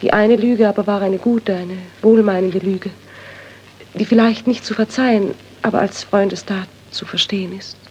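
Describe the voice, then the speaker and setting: An actress playing a grieving widow tormented by guilt, earnest and sorrowful, in 1930s radio-drama acting. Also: female voice, mid-range voice, steady tone, moderate pace, dark tone, dull audio, slight background noise, natural voice. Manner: earnest, sorrowful, turns to anguished pleading. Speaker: doctor's friend's widow.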